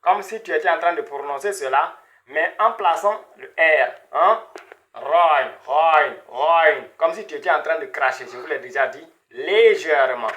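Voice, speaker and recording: A man's voice: a little high, expressive, moderate pace, hardly any pauses, fairly bright tone, muffled recording. A man teaching beginner Arabic pronunciation, repeating each sound over and over and checking in with "hein?" and "voilà". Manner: repetitive, drills sounds with frequent "hein?" and "voilà".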